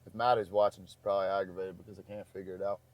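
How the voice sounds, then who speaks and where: A travel vlogger losing his voice rambles casually and easily in a parked car. His crackly voice sits low with a level tone, coming out rapid-fire, and there is no room sound.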